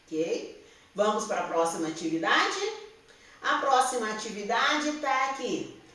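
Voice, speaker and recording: Brazilian schoolteacher, woman, patient and repetitive, slightly high voice, distant echoey classroom sound. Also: sing-song, measured pace, bright, forceful tone. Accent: Brazilian Portuguese. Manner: patient, repeats and checks understanding with "tá?". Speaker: teacher. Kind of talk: slow classroom explanation to young pupils. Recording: roomy echo, speaker somewhat off-mic.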